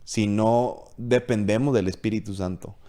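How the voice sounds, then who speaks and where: A man's voice: fairly low pitch, fairly even intonation, a little slow, dark tone. A man co-hosting a casual faith podcast, speaking earnestly and confessionally, mixing English words into his Spanish and often restarting his sentences. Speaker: podcast co-host.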